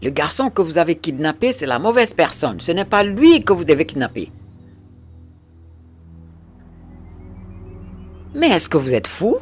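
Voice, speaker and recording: A hard, domineering man who rules others with curt orders and flares into rage. His pitch rises and falls widely as he commands. Soft film music plays underneath. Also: very animated, measured pace, husky, heavily acted. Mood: furious. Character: stern domineering man, quick to anger. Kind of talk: French film dub.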